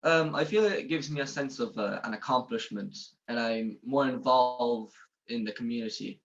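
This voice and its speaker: A man's voice: medium pitch, normal speed, dull audio. A teenage boy with a west of Ireland accent answering interview questions as a youth group member. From west of Ireland (Galway). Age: teens.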